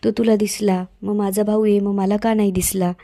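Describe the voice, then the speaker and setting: A woman voicing a calm, caring young husband from a TV serial, read in her own plain, even voice. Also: medium pitch, moderate pace, dry recording, studio quality, lightly acted. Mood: soothing.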